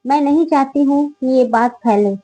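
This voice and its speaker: A woman voicing a quiet but firm young female college student in a read-aloud story. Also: high voice, normal speed, soft background music, natural voice, rough recording. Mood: composed. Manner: firm and indignant.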